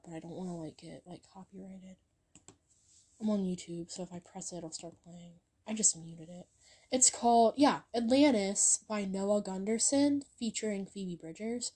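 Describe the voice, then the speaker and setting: A young woman talks through her favorite songs in a loose, rambling vlog chat. Her voice is mellow and soft-edged, and she takes her time. Fillers like um and like pile up between thoughts. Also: medium pitch, breathy edge. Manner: rambling, filler-heavy, lots of ums and likes. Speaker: YouTuber recommending songs. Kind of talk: casual music chat.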